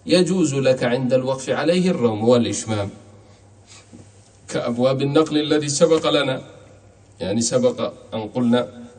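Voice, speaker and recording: Male recitation teacher, mid-pitched, demonstrates examples slowly. Recorded from afar in a reverberant hall. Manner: repeats examples slowly, demonstrating each pronunciation. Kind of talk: explaining tajweed rules with recited examples. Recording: distant mic in a reverberant hall.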